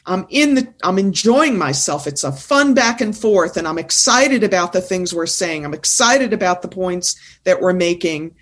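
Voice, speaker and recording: A woman's voice: on the low side, expressive, moderate pace, hardly any pauses. A woman who coaches presentation skills, talking as a guest in an interview and making her points firmly and insistently. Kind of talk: casual interview conversation.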